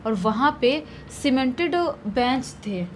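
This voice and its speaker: A woman retelling a spooky story in a conversational, animated way, as narrator of a horror story channel. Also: high voice, slow pace, a little hiss or hum. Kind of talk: casual spoken horror storytelling.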